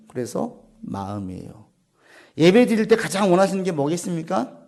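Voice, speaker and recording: Male pastor, sermon delivery, high-pitched, asks and answers his own questions, softens and lowers his voice to stress key lines. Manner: asks the congregation questions and answers them himself; drops to a soft, low voice to stress key points. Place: church sanctuary.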